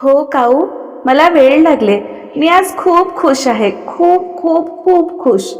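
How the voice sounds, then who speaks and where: A woman voicing an emotional young woman dancer, excited and tearful. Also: high-pitched, takes it slowly. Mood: overjoyed. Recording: long reverb.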